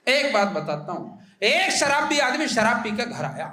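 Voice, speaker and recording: Haryanvi man doing stand-up comedy, echoey auditorium, high voice, sharp punchlines. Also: sing-song, measured pace. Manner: punchy, shouts punchlines, keeps addressing the audience. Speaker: comedy poet. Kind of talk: stand-up comedy for a live audience. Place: auditorium stage. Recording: echoey hall.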